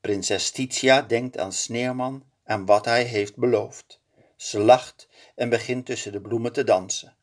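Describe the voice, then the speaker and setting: A man reading a children's picture book aloud in a slow, expressive storytelling manner. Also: medium pitch.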